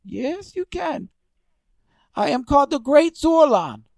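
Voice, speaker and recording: A man's voice: extremely high pitch, big pitch swings, takes it slowly, creaky, heavy background noise, voice pushed up, heavily acted. A man voicing a rambling, spaced-out old stoner oddball making a prank phone call. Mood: indignant, cagey.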